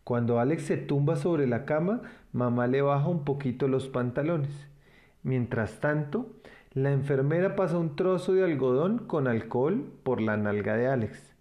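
A man reading a children's story aloud, expressive and gentle. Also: mid-range voice, moderate pace.

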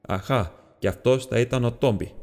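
A man voicing a gruff, lanky old man who keeps animals and speaks in a fussy, irritable way, in an audiobook reading. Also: medium pitch, darkish tone, long reverb tail, close to an everyday voice. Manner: irritable, then fussy and welcoming.

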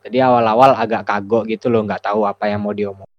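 A man's voice: on the low side, steady tone, fast talker, no echo. A man chats as a podcast co-host. His recording is dry and slightly dull. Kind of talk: casual chat. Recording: dull, band-limited close recording.

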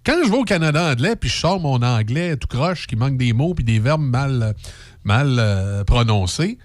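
Middle-aged male radio host, Québécois accent, joking and opinionated, very expressive pitch, dry studio sound. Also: normal speed, dry recording. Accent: Québécois French. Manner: animated, joking, slips into mock English voices.

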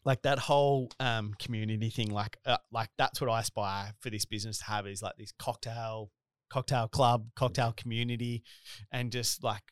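A man's voice: medium pitch, steady tone, normal speed, clean tone, no room sound, clean studio sound. A man in his thirties with a broad Australian accent, hosting a casual interview in a rambling, colloquial, blokey way. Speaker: podcast host and business owner.

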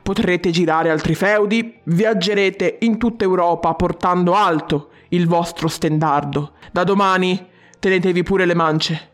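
A boisterous, bossy boss who rules his themed restaurant as its king, as an audiobook narrator puts him on. He talks in loud, booming exclamations and swings his voice low for emphasis. Soft music plays faintly behind. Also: measured pace, natural voice. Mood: expansive.

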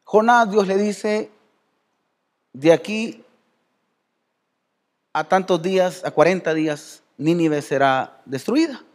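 In a church hall, a pastor with a Salvadoran Spanish accent preaches a conversational sermon, calling congregation members by name. His high-pitched voice is animated, slow, and broken by frequent pauses.

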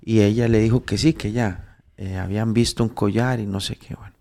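A man tells a moral story in casual preaching talk, halting and restarting as he goes. He builds into emphatic, raised exhortation. His voice is dark and mellow, with a gravelly edge. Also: fairly low pitch, fairly even intonation. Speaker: devout storyteller giving spiritual counsel.

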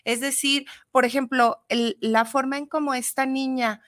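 A woman's voice: high-pitched, fairly even intonation, normal speed, a bit bright. A woman co-hosting a radio talk show, thinking aloud with hesitant restarts.

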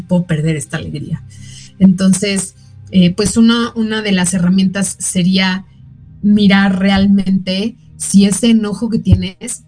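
A woman's voice: lowish voice, mellow, low-quality recording. A woman with a Mexican Spanish accent hosting a radio talk show on parenting, speaking conversationally with frequent fillers and repeated words. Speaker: radio show host giving parenting advice. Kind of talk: casual talk on emotions.

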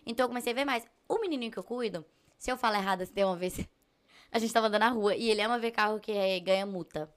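A young woman, a podcast guest, chatting casually and telling animated stories, acting out the people she quotes. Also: medium pitch, fast. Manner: animated storyteller, acts out quotes.

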